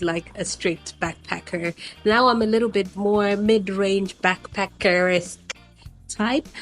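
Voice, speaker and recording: A woman from Zimbabwe in her thirties talks to camera in a relaxed travel vlog, wandering through her thoughts with frequent ums. Her voice sits fairly low for a woman. Soft music plays faintly behind her. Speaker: travel vlogger. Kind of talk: casual chat to camera. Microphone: new personal microphone set.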